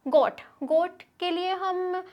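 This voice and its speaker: A woman's voice: extremely high pitch, slow, dull audio. A woman with an Indian accent teaching English grammar in Hindi, checking in with listeners as she goes. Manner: explains in Hindi, checks in with frequent "theek hai". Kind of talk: classroom lecture over slides.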